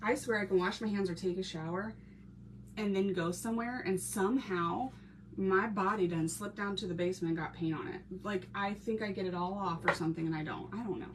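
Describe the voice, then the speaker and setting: A woman's voice: medium pitch, a little fast. Texan woman, crafter hosting a live stream, chatty and laughing, noisy hiss behind. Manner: chatty, laughs often, greets viewers by name. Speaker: craft channel host reading live chat. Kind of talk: casual live-stream chat while painting.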